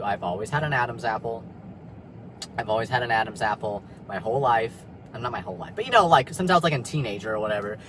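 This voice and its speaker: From his car in a parking lot, a young vlogger speaks candidly in a mid-range voice, rambling and confessing with lots of fillers and profanity. Some background noise is present.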